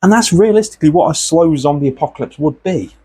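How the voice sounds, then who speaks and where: A man, host of an art channel, chatting casually and meandering from thought to thought while he works, often clearing his throat. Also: fairly high pitch, lively intonation, fast talker, mellow.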